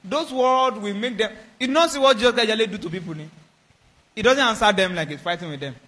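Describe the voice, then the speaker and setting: A man preaching a sermon, acting out dialogues with animated, raised voices. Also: high-pitched, fairly quick. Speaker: pastor.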